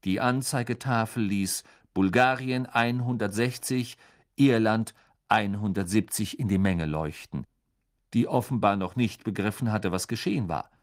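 A man narrating an audiobook in a lively, expressive reading style. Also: on the low side, measured pace. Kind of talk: scripted narration.

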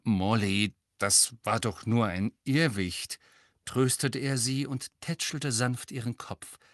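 A man voicing a calm adult male wizard who speaks low and soothing. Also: a little slow, dry recording, studio quality, lightly acted.

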